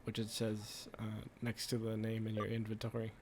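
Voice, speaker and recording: A man's voice: lowish voice, monotone, moderate pace, background noise. A man doing casual game stream commentary, rambling and thinking aloud as he plays. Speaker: streamer playing a video game. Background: game music.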